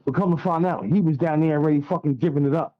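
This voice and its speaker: A man's voice: on the high side, quick pace, narrow, tinny audio. A man, telling a blunt, profane story as a guest on a radio interview. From Staten Island, New York.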